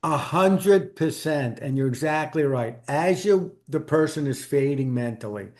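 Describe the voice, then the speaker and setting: A middle-aged man speaks in a Brooklyn accent, pitched a little high for a male voice. He talks as a guest author, recounting personal memories in a conversational storytelling style. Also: lively intonation, a little slow, darkish tone.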